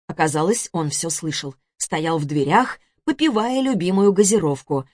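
Женщина-чтец аудиокниги, сухая запись. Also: female voice, lowish voice, expressive, normal speed, a little mellow, no echo, clean studio sound. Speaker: audiobook narrator. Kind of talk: scripted narration.

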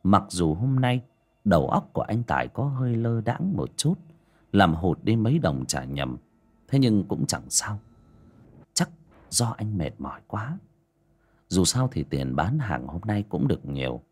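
Breathy male storyteller, lively pitch, dramatic audiobook read. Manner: dramatic, building suspense. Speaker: audiobook narrator. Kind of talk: storytelling narration.

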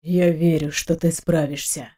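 A woman voicing a tender, steady male army captain in an audiobook, speaking quietly and firmly. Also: sits low, a little slow, voice pushed down. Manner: quiet and firm. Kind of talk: audiobook narration.

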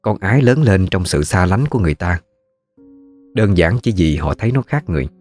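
A man with a Southern Vietnamese accent narrating a ghost story in a steady, folksy way. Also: low-pitched, brisk, faint music behind.

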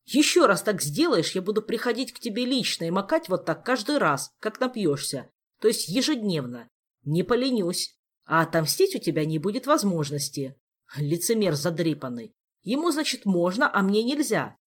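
A man's voice: high-pitched, sing-song, normal speed, pitched above the performer's own voice. A man reading an audiobook, voicing an irritable, hungover king who snaps back sarcastically. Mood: indignant. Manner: snappish, sarcastic retorts.

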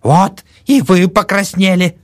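A man putting on a shrill scolding old woman. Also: unhurried, dry recording, clean studio sound. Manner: shrill, accusing, whispering.

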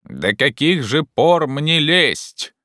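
A man voicing a slow, cautious male servant. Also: medium pitch, sing-song, sharp tone, dry recording, clean studio sound, pitched above the performer's own voice, exaggerated voice. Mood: calling out.

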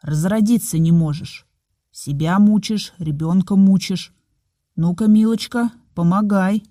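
A woman's voice: mid-range voice, unhurried, mellow, no room sound, clean studio sound, natural voice. A woman voicing a brusque male doctor who barks short orders. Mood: gruff. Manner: curt barked orders.

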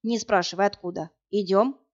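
A woman's voice: medium pitch, steady tone, moderate pace, a little mellow, highs cut off, close to an everyday voice. A woman voicing a stern, sarcastic old male sorcerer who talks in a dry, curt, mocking way. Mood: gruff, sarcastic.

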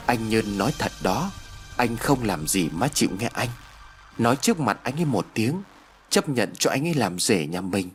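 A man's voice: mid-range voice, very animated, moderate pace, faint music behind, close to an everyday voice. A man voicing an earnest, pleading young daughter. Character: young woman, earnest, tearful daughter defending her lover.

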